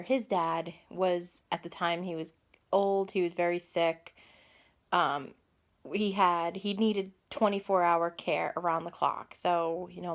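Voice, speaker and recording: Woman rambling through a storytime vlog. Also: fairly low pitch. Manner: rambling, self-correcting storytelling. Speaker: vlogger. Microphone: phone camera.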